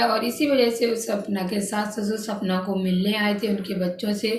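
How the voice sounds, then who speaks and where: A woman vlogger narrating family gossip in a casual, chatty way to her viewers, often saying "guys" and restarting her sentences. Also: fairly high pitch. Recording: echoey room, distant mic, faint background noise.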